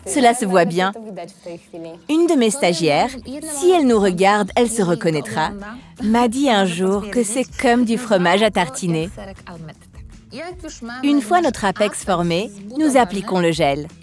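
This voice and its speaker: A woman's voice: medium pitch, expressive, a little slow, pauses often. A woman nail instructor explaining a technique step by step in a chatty, instructional way. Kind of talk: instructional demo chat. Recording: music playing behind.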